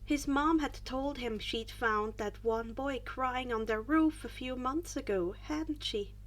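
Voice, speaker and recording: An amateur fan fiction audiobook narrator, a woman with a fairly high voice, reads a scripted story aloud at a slightly slow pace. Now and then she stumbles and restarts a phrase.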